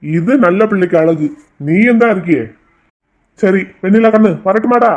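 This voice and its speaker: Man playing a menacing old rich villain in a cartoon, high-pitched and smug, lo-fi recording. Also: moderate pace, lightly acted. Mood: coaxing. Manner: smug, boastful, coaxing. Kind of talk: cartoon voice acting. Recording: dull, lo-fi sound.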